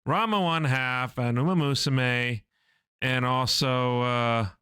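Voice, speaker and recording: A man's voice: mid-range voice, steady tone, slow pace, bright, forceful tone, smooth, dry recording. A man co-hosting an anime podcast, chatting casually and explaining news at length with plenty of ums and uhs. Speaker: podcast co-host.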